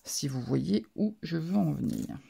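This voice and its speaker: Woman host for a craft tutorial. Very gravelly, husky voice. Slow, hesitant delivery that narrates each step. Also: low voice, lively intonation, dark tone. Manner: unhurried, narrates each step with frequent "hop" and hesitant fillers. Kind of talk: card-making tutorial narration.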